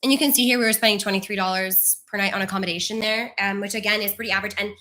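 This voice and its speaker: A woman co-hosting a travel live stream, chatty and quick to laugh. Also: medium pitch, steady tone, pushed and bright. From Canada. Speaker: travel channel co-host. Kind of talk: casual live-stream chat.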